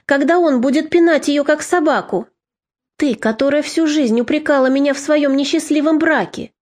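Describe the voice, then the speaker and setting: A woman's voice: high voice, normal speed, darkish tone, close to an everyday voice. A woman doing a fierce old grandmother. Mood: indignant.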